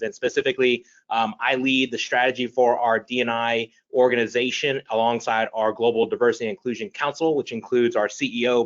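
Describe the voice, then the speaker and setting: Halting man on a muffled video call. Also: medium pitch. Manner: halting, many fillers and restarts. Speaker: panelist, diversity executive. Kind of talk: webinar panel introduction.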